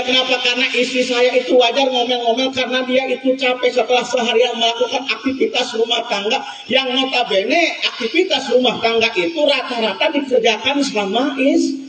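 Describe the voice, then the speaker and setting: A man preaching a humorous sermon, telling stories with acted voices and asking the crowd questions. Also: extremely high pitch. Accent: Indonesian. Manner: lively storytelling, acting out voices and asking the crowd. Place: prayer hall, loud room. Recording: echoey hall, from far off.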